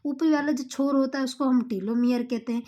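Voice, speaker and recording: A woman with a high, mellow voice gives a biology lesson in a steady classroom manner. She keeps putting questions to her listeners and answering them herself. She drills each new term by saying it again and again. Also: a little fast. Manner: asks questions and answers them herself, repeats key terms. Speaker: teacher. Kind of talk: classroom-style lecture.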